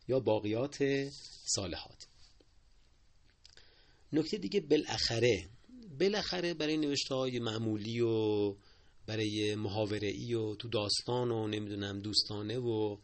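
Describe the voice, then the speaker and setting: A man with a gravelly, creaky voice teaches correct usage in a steady, explanatory way. He repeats key points and keeps asking his listeners to pay close attention. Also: fairly low pitch. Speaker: Persian language teacher. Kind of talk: spoken lesson on correct usage.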